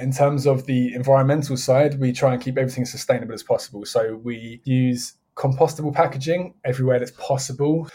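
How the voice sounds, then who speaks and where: A man's voice: medium pitch, warm tone, breathy edge. Man chatting in mid-range voice. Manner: explanatory, chatty. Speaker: interview guest, food business owner. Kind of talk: conversational interview answers.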